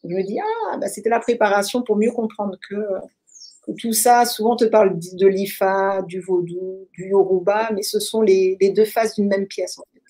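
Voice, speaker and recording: A woman from France, speaking with a French accent, answers an interviewer at length as an interview guest in relaxed, casual storytelling. Her mellow, slightly husky voice sits at an ordinary middle pitch. Reflective and animated, she thinks aloud and fills pauses with soft hesitations and many fillers.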